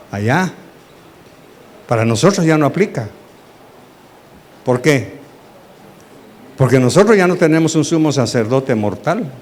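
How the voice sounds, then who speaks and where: A man, a pastor teaching a Bible study sermon, asking the congregation questions and acting out dialogue. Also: a little high. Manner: animated, asks the congregation questions, acts out dialogue.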